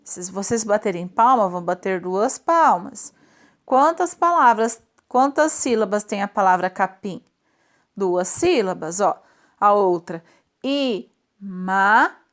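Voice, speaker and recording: A woman's voice: medium pitch, lively intonation. A woman teacher going through a spelling lesson for children, patiently drawing out each example word and checking in with short questions. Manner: slow, patient, stretches out example words; checks in often with tag questions.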